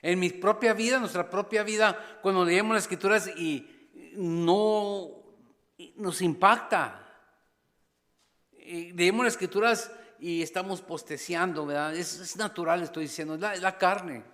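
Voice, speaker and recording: A man preaching as a pastor, passionate, rising to loud appeals and dropping to hushed asides. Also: high voice, a little slow. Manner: impassioned, swings between loud exhortation and hushed asides; slips briefly into English phrases. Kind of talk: sermon. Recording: long church reverb.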